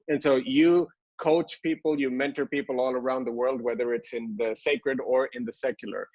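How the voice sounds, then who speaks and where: A man, a pastor hosting an interview, asking long questions with halting restarts. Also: medium pitch, steady tone, darkish tone, no room sound. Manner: halting, many fillers and restarts, frequent "mm" and "amen" as backchannel. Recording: dry dull lo-fi sound.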